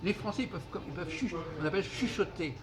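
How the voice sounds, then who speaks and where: A man's voice: sits high, lively intonation. A man explaining his ideas in casual café conversation, lecturing with many restarts. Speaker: host. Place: busy fast-food restaurant. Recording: crowd noise of a fast-food restaurant.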